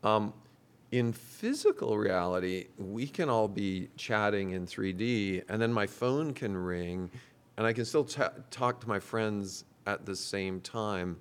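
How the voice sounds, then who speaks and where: A man hosting a conversational panel discussion, talking in a measured, thoughtful way and posing questions to his guests. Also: fairly low pitch, smooth. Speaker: host and company executive.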